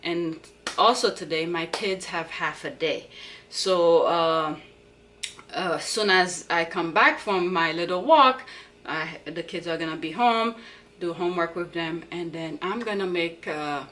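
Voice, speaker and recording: A woman's voice: fairly low pitch, measured pace, fairly bright tone, a little hiss or hum. A woman in her thirties chatting casually in a diary vlog about her day with her kids, rambling and correcting herself as she goes. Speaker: vlogger and mother.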